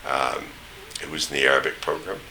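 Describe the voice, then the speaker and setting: An older American man with a standard accent and a low, very bright, forceful voice. He reminisces in loose anecdotes, pausing to search for names. There is a faint hiss behind him. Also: level tone, vocal fry, rough recording. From East Tennessee, United States. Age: older, 70s or above. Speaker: interviewee recounting memories. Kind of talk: oral history reminiscence.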